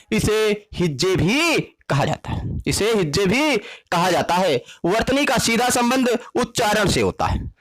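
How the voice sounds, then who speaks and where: A man teaching an online grammar lesson. He repeats key points and often asks a question, then answers it slowly. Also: very high-pitched, a bit bright.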